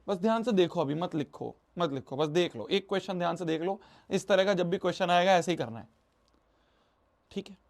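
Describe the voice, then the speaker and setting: High-voiced math teacher. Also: male voice. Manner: repeats phrases, mixes Hindi with English math terms. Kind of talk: online math lesson.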